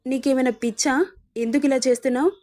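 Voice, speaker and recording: A woman's voice: high-pitched, fairly even intonation, quick pace, dark tone, close to an everyday voice. A woman reading a storybook, voicing a frightened but defiant young wife who speaks in a pleading, indignant way.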